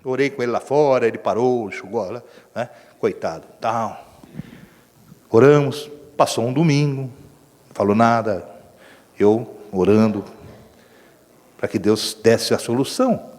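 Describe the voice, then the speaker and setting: A man with a Brazilian accent preaching a sermon as pastor, telling a story in an animated way and acting out what people said. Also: mid-range voice, unhurried, pauses often. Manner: animated storytelling preacher, acts out quoted speech. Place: church hall. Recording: echoey church hall with long reverb.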